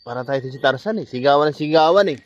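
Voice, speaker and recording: A man vlogging outdoors at night among trees, excitedly pointing out finds and directing a companion. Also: on the high side, fast, highs cut off, a little hiss or hum. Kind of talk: casual outdoor vlog narration.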